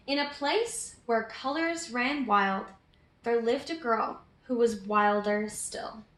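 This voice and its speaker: Her voice on the high side and fairly bright, a woman slowly reads a picture book aloud with expression for small children. She pauses to ask them questions, and the recording has a roomy echo.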